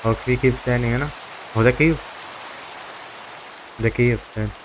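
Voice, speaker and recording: A man's voice: medium pitch, fairly even intonation, fairly quick, background noise. A young man with an Egyptian accent, chatting to viewers as he plays a survival game, repeating himself as he goes. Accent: Egyptian Arabic. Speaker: gaming YouTuber. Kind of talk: casual gameplay commentary.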